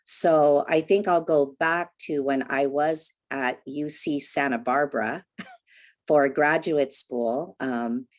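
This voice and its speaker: Low-voiced woman, slow and measured. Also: fairly even intonation. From Philippines, raised in California. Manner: warm, gracious, measured, many fillers like "um" and "you know". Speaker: panelist. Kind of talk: conversational panel talk.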